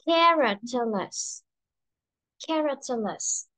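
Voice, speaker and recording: A woman teaching English pronunciation in an online class over a video call. She patiently models each word slowly and clearly. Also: high-pitched, expressive, pushed and bright, dry recording, low-quality recording.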